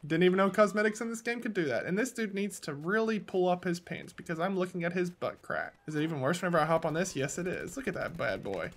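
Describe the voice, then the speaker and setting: A man giving casual, jokey commentary on his own gameplay, often breaking into loud yells at opponents. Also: high-pitched. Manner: excitable, yells at opponents, jokey self-talk. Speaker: gaming video host.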